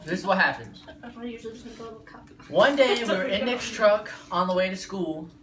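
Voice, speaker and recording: A young man casually tells a family story at a holiday gathering, acting out the shouting parts. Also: high voice, a little slow, a crowd in the background. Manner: animated, acts out shouts in the story. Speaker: family member telling a story. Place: family home, indoors. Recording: roomy home video from a distance, noisy.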